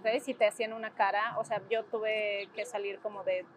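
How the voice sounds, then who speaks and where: A woman in her forties, formerly a student activist, speaks with a Mexican Spanish accent in a documentary interview, reflecting emotionally on what happened and frequently finishing phrases with tag questions. Her voice is mid-range and level, at normal speed, with a little hiss or hum.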